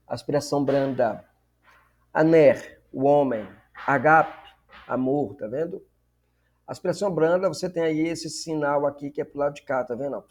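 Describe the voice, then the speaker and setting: A man's voice: a little high, a little mellow. A man teaching a lesson, explaining step by step and often checking in with "né?" and "tá vendo?". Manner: explanatory, repeats words and asks "né?" and "tá vendo?" often. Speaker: Greek teacher. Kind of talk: recorded lesson.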